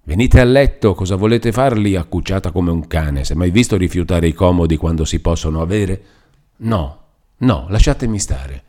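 A man's voice: deep voice, moderate pace, a little mellow. A man reading aloud and voicing a grumbling, resentful old woman who scolds and coaxes a frightened girl. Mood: grudging.

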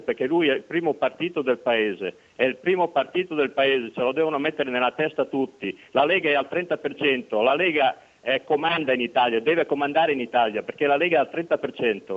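A man's voice: medium pitch, brisk, few pauses. A man calling in to a radio show over the phone, making his case insistently and repeating his points. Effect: voice heard over a phone line. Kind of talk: call-in political opinion. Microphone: telephone. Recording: tinny phone line.

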